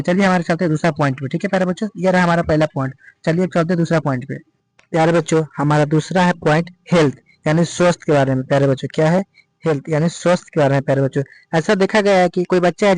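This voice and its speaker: Teacher guy, super fast, dry close mic, keeps urging the kids. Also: on the high side, a little mellow, no room sound, poor audio. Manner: addresses students as dear children in nearly every sentence; urging, advice-giving. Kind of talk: online exam-prep lecture.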